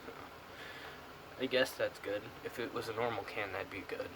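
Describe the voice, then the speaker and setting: Young American man, lip packed, low voice. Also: fairly even intonation, moderate pace. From United States. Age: young adult. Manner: talking with a pouch tucked in his upper lip. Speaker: product reviewer. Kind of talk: casual rambling vlog. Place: small room indoors. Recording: clear background noise on camera mic.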